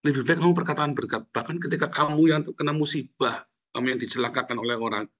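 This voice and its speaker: A male pastor from Indonesia preaching a lively, joking sermon that addresses his listeners directly. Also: mid-range voice, fast.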